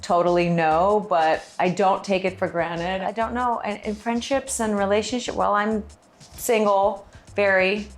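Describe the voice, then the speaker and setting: A woman's voice: medium pitch, fairly even intonation, a little slow, slight background noise. A woman from Los Angeles, an actress guest in an interview, talking candidly and casually with frequent restarts.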